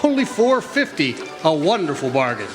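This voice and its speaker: A man's voice: on the high side, sing-song, normal speed. A man playing a kindly, jolly old Santa with a reassuring manner, acting in a radio drama. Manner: jovial, chuckling, gently reassuring. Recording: echoey hall stage, music behind.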